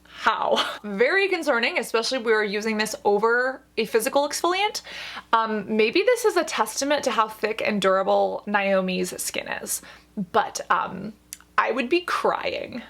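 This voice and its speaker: A woman with a fairly high voice and a noticeable creak gives chatty reaction commentary. She is playful and emphatic, freely sharing opinions as a skincare host. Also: expressive, normal speed, fairly bright tone. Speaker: esthetician reviewing skincare as host.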